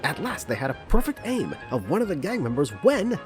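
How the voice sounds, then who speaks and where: A man's voice: high voice, very animated, a little fast. A man narrating a parody of a children's train story in storybook style, with music behind him.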